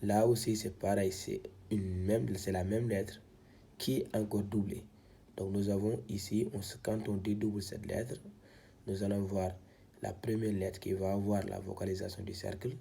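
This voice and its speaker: A man's voice: on the low side, creaky, mellow, a little hiss or hum. A man teaching how to read script, patiently sounding out syllables one by one in a step-by-step lesson. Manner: patient, repeats syllables one by one, frequent "donc". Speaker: Quran reading teacher.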